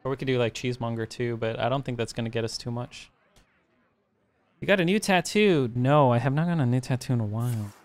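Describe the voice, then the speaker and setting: A man calmly commentating his own card game, his voice sitting at an ordinary middle pitch. He thinks aloud in a loose, unhurried way, dropping fillers as he weighs each move, with a faint hiss of noise behind him. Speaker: streamer playing a card game. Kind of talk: casual gameplay commentary.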